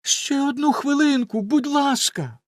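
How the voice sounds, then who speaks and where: A man's voice: high-pitched, a little slow, no room sound, studio quality, voice pushed up. Desperate young wife voiced by a man. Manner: raised, pleading, tearful tone.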